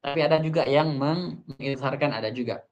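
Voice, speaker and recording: A male Quran recitation teacher, pitched in a plain middle range. He walks through each rule patiently, repeating examples slowly and reciting Arabic lines quickly. The sound comes through a dull, muffled online connection. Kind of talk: tajwid lesson explaining an Arabic text.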